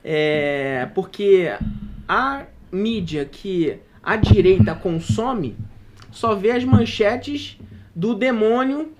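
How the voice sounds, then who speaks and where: A Brazilian man steers a political debate, posing questions in halting, stop-start phrases. Faint noise sits under his voice. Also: sits high, lively intonation. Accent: Brazilian Portuguese. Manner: halting, full of restarts.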